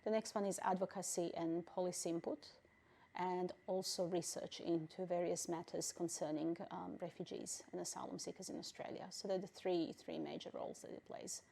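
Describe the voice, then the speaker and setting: A middle-aged woman from Bosnia who leads a refugee council gives careful, thoughtful interview answers, pausing often and using fillers. Her lowish voice holds a steady, gravelly, warm tone, with slight background noise present.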